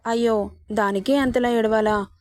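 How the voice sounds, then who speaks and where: A woman voicing a gentle, affectionate father-in-law who soothes and coaxes. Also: fairly high pitch, steady tone, moderate pace, no echo, studio quality, lightly acted. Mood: doting. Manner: soothing, coaxing.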